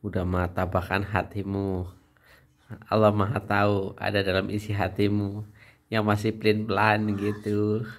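A man's voice: lowish voice, monotone, measured pace. A man, teasing and playfully coaxing his family while filming a casual home video on a handheld phone.

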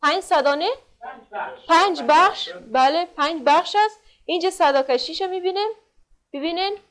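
A woman with an Afghan Dari accent teaching a classroom reading lesson, sounding out words slowly syllable by syllable and praising often. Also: very high voice. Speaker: literacy teacher.

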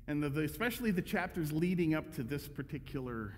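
Lively male pastor preaching in an echoey church. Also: on the high side, fast talker. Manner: conversational, emphatic, with restarts. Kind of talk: sermon. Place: church sanctuary.

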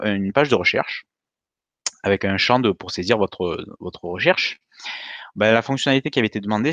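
A man's voice: on the low side, fairly bright tone, dry recording, muffled recording. A man in his thirties giving a meetup talk over slides on a webcam, hesitant with many fillers and restarts. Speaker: meetup presenter. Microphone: webcam on a video call.

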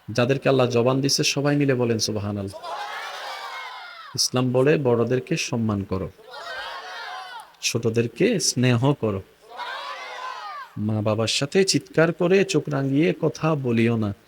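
A man preaching an Islamic sermon to a crowd, leading call-and-response and rising to shouted peaks. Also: medium pitch, unhurried, vocal fry, long pauses, noisy background.

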